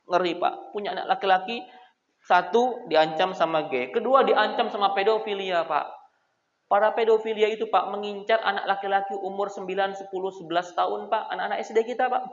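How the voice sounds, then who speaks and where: A man preaching a lively sermon, joking with his audience and calling out to them directly. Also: high-pitched. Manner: animated, jokes with the crowd, addresses them as Pak. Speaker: Islamic preacher. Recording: echoey, dull hall recording.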